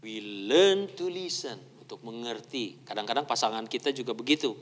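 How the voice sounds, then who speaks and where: A man's voice: medium pitch, moderate pace. A man preaching a sermon as pastor, mixing in English phrases and asking the congregation questions. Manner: mixes Indonesian with English phrases; animated, asks the congregation questions. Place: church hall. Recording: long church hall reverb.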